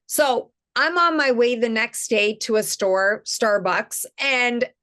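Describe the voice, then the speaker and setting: A woman's voice: on the high side, expressive, slow, pushed and bright. A middle-aged woman, an image consultant, speaking as a guest in an enthusiastic, emphatic, storytelling manner. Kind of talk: casual interview chat.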